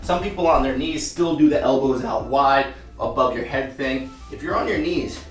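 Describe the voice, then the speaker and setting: A man's voice: mid-range voice, moderate pace, soft background music. A man teaching push-up form, demonstrating as he talks and getting short of breath at times. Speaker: fitness coach. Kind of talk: workout tutorial. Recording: roomy echo, mic at a distance.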